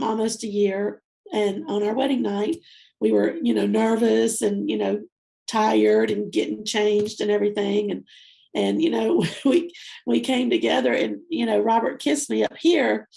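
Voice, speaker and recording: Guest, woman, 50s: warm, gravelly, teary storyteller who goes soft and slow at tender moments. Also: medium pitch, steady tone. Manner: heartfelt, softens and slows at tender moments. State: teary-eyed. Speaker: guest speaker. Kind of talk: personal storytelling in an interview.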